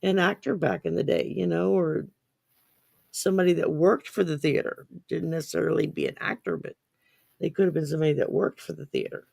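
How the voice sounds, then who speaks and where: Gravelly-voiced chatty woman. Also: low voice, fairly even intonation, a little fast, darkish tone, no room sound. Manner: chatty, explains readily, repeats words. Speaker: co-host. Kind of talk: casual chat.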